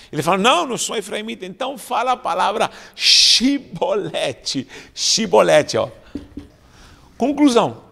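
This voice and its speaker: A man with a high, gravelly voice preaches a fervent sermon, his words trailing into the long reverb of a large church hall. He speaks as a pastor and keeps breaking into exclamations of praise. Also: fairly bright tone.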